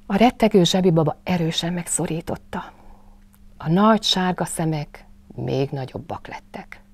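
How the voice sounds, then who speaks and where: A woman narrating a children's storybook slowly, dropping to a soft hush. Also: lowish voice, expressive, breathy edge. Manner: slow, hushed, soothing narration.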